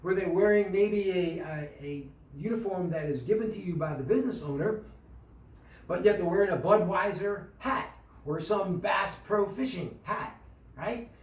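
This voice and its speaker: A man giving an instructional talk to a small business group, animated and full of questions, acting out tones of voice. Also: high-pitched, normal speed, distant mic. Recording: echoey room, voice from off the mic.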